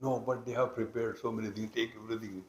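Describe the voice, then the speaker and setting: Speaking fast and with fairly even intonation, this Indian-accented man has a medium-pitched voice that echoes around a roomy hall. He gives a spiritual discourse, teaching and explaining scripture in a manner both conversational and emphatic.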